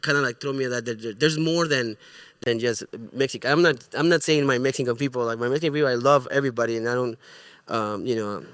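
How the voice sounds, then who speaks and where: A middle-aged music producer and artist from Ecuador, speaking with a Spanish accent, talks fast as a guest in a casual interview. His medium-pitched voice is fairly bright, clear and resonant, captured in clean studio sound with no room echo. He speaks earnestly while searching for his words.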